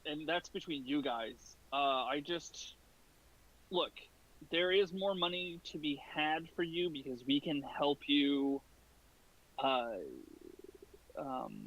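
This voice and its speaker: A man playing a tabletop role-playing game, talking casually and haltingly as he improvises. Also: a little high, fairly bright tone, rough recording.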